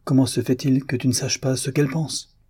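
A man voicing a gentle, warm-hearted elder brother in an audiobook, earnest and softly pressing. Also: mid-range voice, flat delivery, fairly quick, breathy edge, voice pushed up. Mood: anxious, pressing. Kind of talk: audiobook character reading.

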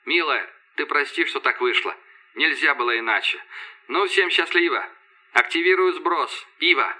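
Man doing a young male engineer, calm, collected, soft-spoken, audiobook. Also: medium pitch, fast, low-quality recording. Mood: tender. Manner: calm, collected, quietly tender. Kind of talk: audiobook character voice.

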